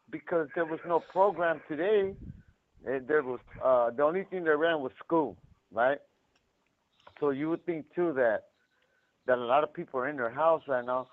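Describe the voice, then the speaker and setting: A man calling in from a prison payphone, chatting casually with laid-back slang and swearing. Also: a little high. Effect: prison payphone line. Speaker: incarcerated caller. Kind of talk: casual chat. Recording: tinny phone line.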